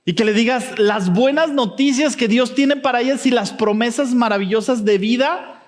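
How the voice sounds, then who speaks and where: A woman's voice: fairly high pitch, moderate pace, big-room sound. A woman with a Mexican accent preaching a sermon earnestly, with light humor and frequent checks with her listeners.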